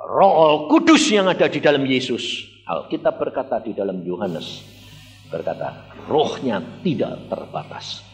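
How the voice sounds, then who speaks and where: Seorang pria, pengkhotbah beraksen Jawa, bercerita dengan dramatis, kadang berteriak kadang berbisik. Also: male voice, medium pitch, sing-song, a little slow, vocal fry. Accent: Javanese. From Indonesia. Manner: dramatic storytelling, swings from loud shouts to hushed near-whispers; mixes in Javanese phrases, acts out quotes. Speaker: evangelist preacher. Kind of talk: sermon. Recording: echoey hall recording with faint music.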